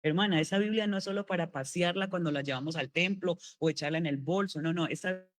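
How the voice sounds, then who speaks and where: A middle-aged woman preaching a sermon to her congregation. She talks in a relaxed, conversational way, asks one rhetorical question after another and keeps checking in with a quick tag question. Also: lowish voice.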